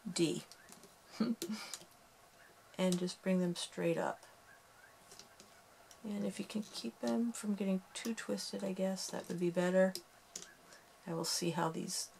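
A woman's voice: fairly low pitch, creaky, a little mellow, a little hiss or hum. A woman hosting a casual craft tutorial, chatty and self-deprecating as she talks through each step while working with her hands.

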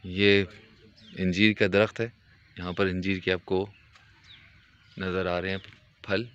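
A man gives calm, devout, descriptive commentary while walking a foggy rural track, filming on a handheld phone. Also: low-pitched, measured pace, highs cut off, a little hiss or hum.

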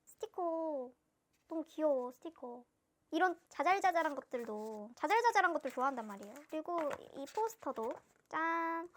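Young woman, excitable, high voice, wildly lively pitch, casual unboxing chatter. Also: normal speed. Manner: excitable, gasping, gushing. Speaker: fan vlogger unboxing albums.

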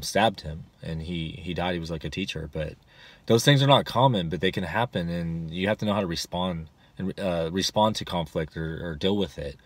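A man's voice: low voice, no echo. A man in his forties, a rideshare driver, giving casual advice to a dashboard camera in his car, rambling with many fillers and restarts. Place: inside a parked car.

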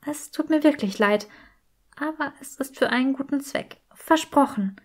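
An earnest young witch speaks softly and apologetically, as a woman reader puts her on. Her voice sits clearly higher than the reader's own and stays hushed. It has an airy, slightly distant tone. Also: normal speed, lightly acted. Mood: apologetic. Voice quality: soft, hushed. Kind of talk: fan audiobook character reading.

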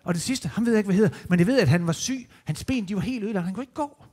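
A man telling Bible stories to children in a church, lively, animated and playful. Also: high-pitched, husky. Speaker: children's entertainer. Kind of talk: storytelling to children.

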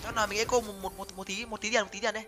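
Young guy streaming his game, high voice, music going behind, keeps repeating himself. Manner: excited, addresses viewers as "anh em", repeats words rapidly. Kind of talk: live gameplay commentary.

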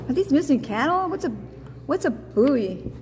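High and sing-song at a normal speed, a middle-aged woman vlogs on a handheld phone through indoor courthouse hallways. She narrates casually and asks teasing, curious questions. Loud background noise and hallway echo surround her.

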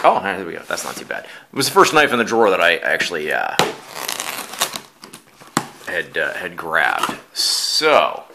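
Groggy, bright-voiced man. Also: deep voice. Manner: groggy, just woken up, halting. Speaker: YouTube vlogger. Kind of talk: casual unboxing chat.

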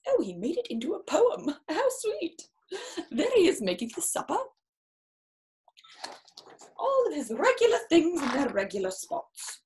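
The audio is poor in this clip of a woman reading a picture book aloud to children from an armchair in a small indoor room. Her high, very animated voice is theatrical and expressive, with long drawn-out emphasis and exclamations. She pauses for chatty asides between passages.

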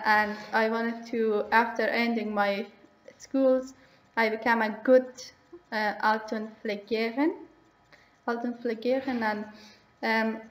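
Teenage girl, halting and searching for words, flat and slightly high voice. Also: echoey room, poor audio. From Afghanistan. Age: teens. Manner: hesitant, searching for words, many pauses. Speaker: young migrant speaking about herself. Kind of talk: halting personal monologue in a second language.

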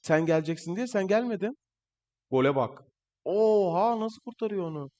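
Excitable young man yelling at a football game. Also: high-pitched, moderate pace. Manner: excitable, shouting at players on screen. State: strained voice. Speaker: gaming channel host. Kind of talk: live gameplay commentary.

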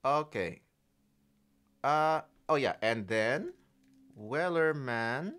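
A man's voice: medium pitch, animated, drawn-out words, fairly bright tone. A man streaming live, chatting casually with viewers, thanking them, laughing often and stumbling over his words. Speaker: music streamer.

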